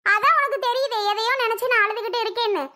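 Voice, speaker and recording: A woman voicing a tearful, aggrieved elderly mother in a cartoon, wailing and complaining. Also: fast. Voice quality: wailing, complaining, high and bright. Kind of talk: animated cartoon voice acting.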